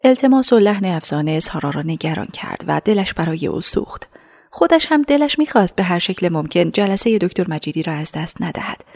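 A woman narrating a radio drama in a measured, hushed storytelling voice. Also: fairly low pitch, animated.

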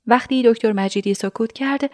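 A woman narrating a story in a measured voice, dropping to a hush at times. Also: on the high side.

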